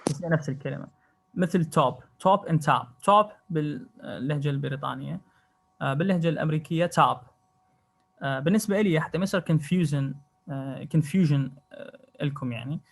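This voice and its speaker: A man with an Iraqi Arabic accent gives an online English lecture, moving between Arabic and English. His voice sits a little high, and he spells out the English phrases slowly and carefully. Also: creaky, darkish tone. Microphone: video call.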